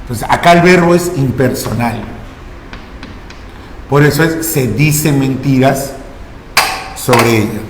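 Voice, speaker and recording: A man's voice: mid-range voice, takes it slowly, pauses often, slight background noise. A man teaching a grammar lesson to a class, coaxing students with repeated questions and prompts. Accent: Peruvian Spanish. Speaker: language teacher. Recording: echoey classroom with long reverb.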